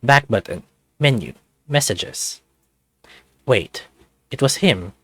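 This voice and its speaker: Speaking slowly in a medium-pitched voice, a man who hosts a channel reads a visual novel aloud in the first person. His storytelling is lively and expressive, and there's no echo.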